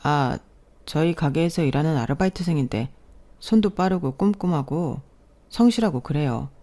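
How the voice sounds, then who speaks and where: A woman reading a young son caught out and defending himself, in a narrated story drama. His tone is mellow and dark, and he sounds earnest and pleading rather than angry. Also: sits low, expressive, moderate pace. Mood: defensive.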